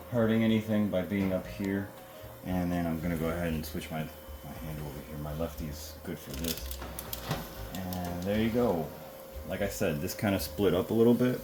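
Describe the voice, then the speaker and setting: A man's voice: low-pitched, noisy background. A man casually chatting through a home cooking demo in his kitchen, rambling and correcting himself with lots of fillers.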